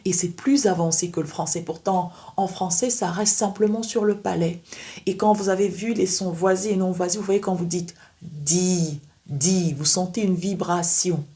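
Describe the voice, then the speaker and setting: A woman teaching pronunciation, speaking slowly and repeating sounds and words for learners to copy. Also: fairly low pitch, fairly even intonation, warm tone. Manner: repeats sounds and words for practice, addresses viewer directly. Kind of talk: slow instructional lesson with drilled examples.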